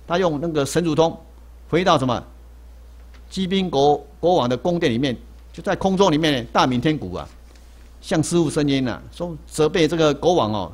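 A man, a Buddhist monk telling a story in a sermon in a lecture hall. He repeats himself often and keeps asking rhetorical questions, then answering them. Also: fairly high pitch.

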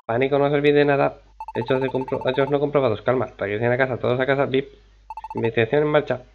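A man's voice: medium pitch, fairly even intonation, fast talker, vocal fry, a little hiss or hum, close to an everyday voice. Man doing a clipped robotic police creature, tinny sound. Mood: brisk, official. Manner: clipped telegraphic phrases punctuated with beeps.

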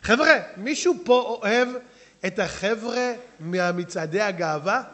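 A male rabbi preaches with a high, animated voice that swings widely in pitch. He addresses his listeners directly, acting out the people he describes as he makes each point. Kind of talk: sermon.

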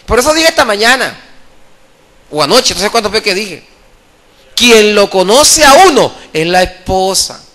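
A male evangelist preaching a sermon at a church convention, impassioned, calling for applause and swinging between loud and soft. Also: sits high, sing-song, moderate pace, long pauses.

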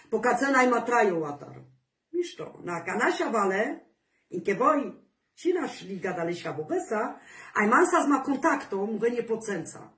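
A woman vlogger chatting casually to her viewers, animated, with sing-song calls and rising exclamations. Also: high voice. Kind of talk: casual chat to camera. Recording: roomy echo, voice from a distance.

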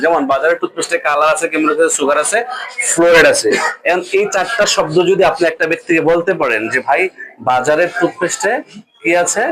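A man's voice: on the high side, rough recording. A man giving a motivational seminar talk on network marketing, mixing in English words and asking the audience questions that he then answers himself. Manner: asks the audience rhetorical questions and answers them; mixes English words into his speech.

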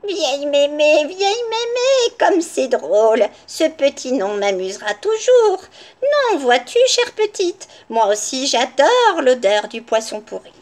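A sweet old grandmother from a children's storybook, soothing and syrupy, with a sly patience under it , as a woman puts her on. Her voice sits very high and swoops up and down. Everything is said in a coaxing, delighted tone. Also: big pitch swings, moderate pace, hardly any pauses, full character voice. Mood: sugary. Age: older. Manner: soothing, sugary, falsely delighted.

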